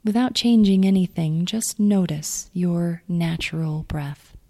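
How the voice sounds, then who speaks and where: Slow, creaky-voiced woman guiding calm grounding. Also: on the low side. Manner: soothing, gentle instructions with soft, breathy, near-whispered delivery. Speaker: meditation guide. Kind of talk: calm guided grounding exercise.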